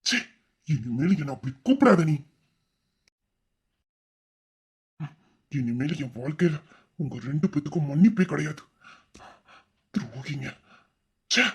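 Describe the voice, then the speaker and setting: A voice actor playing a hot-tempered young man who shouts in confusion and then turns low and bitter. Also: lively intonation, quick pace, slightly rough.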